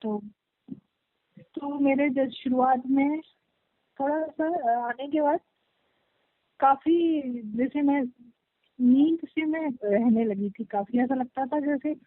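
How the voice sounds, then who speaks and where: A woman calling her meditation teacher, speaking respectfully and hesitantly, with many fillers and pauses. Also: sits high, no room sound. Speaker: caller, meditation student. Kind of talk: phone call with her teacher. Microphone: phone call. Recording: tinny phone line, dry.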